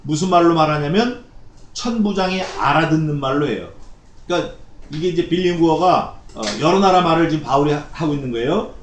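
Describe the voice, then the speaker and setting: A man's voice: a little high, expressive, a little fast, echoey room, a little hiss or hum. A male pastor preaching an expository sermon in a church, often asking the congregation questions and answering them himself. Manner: acts out the figures in quoted shouts.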